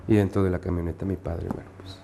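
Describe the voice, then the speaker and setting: A man's voice: deep voice, level tone, quick pace, gravelly, noisy background. A man in an interview recounting a painful event steadily, with frequent hesitant fillers. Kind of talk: recounting a personal memory.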